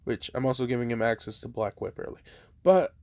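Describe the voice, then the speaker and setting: A man's voice: medium pitch, lively intonation, a little fast, a little mellow, no room sound. A man casually narrating a fan story, rambling with lots of "like," swearing now and then and talking between bites of food. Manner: rambling, lots of "like", swears, talks while eating.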